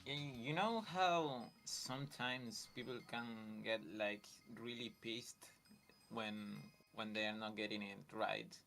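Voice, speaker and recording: A man in casual chat, speaking haltingly and often searching for his words. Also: mid-range voice, a bit bright, faint music behind. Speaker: co-streamer.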